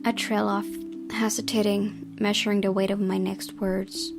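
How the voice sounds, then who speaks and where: A woman with a mid-range voice reads a visual novel aloud as a gaming host, keeping a level tone and moderate pace. Her narration is dramatic and expressive, with the occasional stumble, and guitar music plays underneath.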